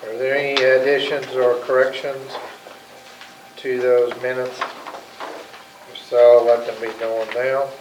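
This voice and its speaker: A man's voice: mid-range voice, little pitch movement, a little slow, pauses often. A man speaking as the chair of a local meeting, running formal procedure. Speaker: chair of a county council meeting. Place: meeting room. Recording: echoey room, distant mic, loud noise.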